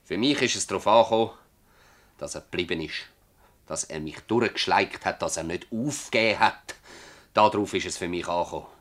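In a Swiss German dialect radio play, a male actor with a low, fairly bright voice plays a stubborn, bitter old village farmer. He speaks briskly, rambling and emphatic with rhetorical repetition, in a stubborn, earnest mood.

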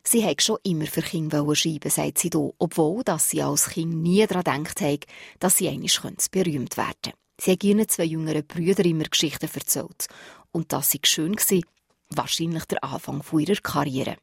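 A woman presenter, narrating a radio feature calmly. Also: low voice, brisk, creaky, breathy edge, no echo, clean studio sound.

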